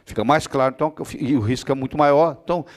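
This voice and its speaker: A man's voice: mid-range voice, racing. A man giving a medical lecture to students, answering their questions with everyday analogies and often checking that they understand. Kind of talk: classroom lecture with Q&A.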